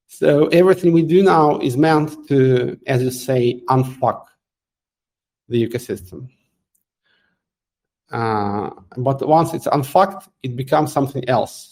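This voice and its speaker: A middle-aged male host with a warm, low-key voice answers community questions in a casual live AMA. His delivery is halting, with many fillers and restarts and the occasional laugh.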